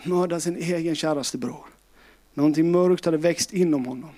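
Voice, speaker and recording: Passionate high-voiced male preacher. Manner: passionate preaching, swings between loud calls and hushed tones. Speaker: pastor. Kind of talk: sermon.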